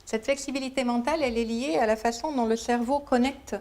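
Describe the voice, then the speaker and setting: A woman's voice: on the high side, fairly even intonation, brisk, darkish tone. A woman giving a conference lecture, explaining patiently and working through everyday examples. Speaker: lecturer at a Montessori school conference.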